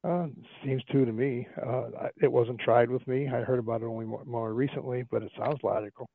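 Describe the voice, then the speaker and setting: A man's voice: mid-range voice, steady tone, fairly quick, vocal fry, no echo. A man calling in to a discussion, talking in a rambling way with frequent restarts. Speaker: caller. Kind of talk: casual phone-in talk. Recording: tinny phone line.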